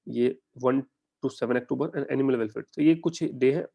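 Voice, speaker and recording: A young Indian man giving a conversational exam-prep lecture, often putting quick questions to his students. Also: medium pitch, creaky, mellow. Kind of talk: online lecture in mixed Hindi and English.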